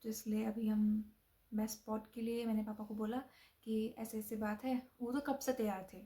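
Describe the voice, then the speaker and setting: A woman's voice: on the high side, level tone, normal speed, warm tone. A young woman from Assam telling a personal story casually, with fillers and restarts and bits of English mixed in. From Assam, India. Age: young adult. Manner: chatty, frequent fillers and restarts, mixes in English phrases.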